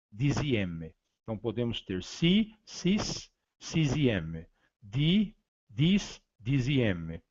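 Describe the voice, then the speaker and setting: A man's voice: mid-range voice, muffled recording. A Brazilian man teaching beginners, reading each French word aloud and then giving its Portuguese meaning. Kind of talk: slow vocabulary lesson.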